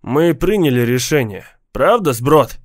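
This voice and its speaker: A man voicing a rowdy, foul-mouthed teenage gang boy who shouts and jeers. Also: mid-range voice, animated, unhurried. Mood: jeering. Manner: loud, jeering, shouting.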